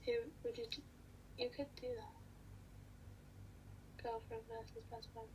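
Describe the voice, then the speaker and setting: A woman's voice: fairly high pitch, completely flat delivery, measured pace, a little mellow, a little hiss or hum, poor audio. A young woman co-hosting a casual livestream from a small room, playful and teasing. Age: young adult. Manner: playful, teasing, laughs often. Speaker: livestream co-host. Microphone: webcam at desk.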